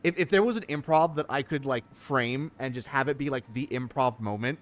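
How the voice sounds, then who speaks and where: A man hosting a livestream, chatting casually and thanking people in an effusive, halting way. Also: mid-range voice. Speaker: livestream host. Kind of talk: casual chat, giving thanks to cast.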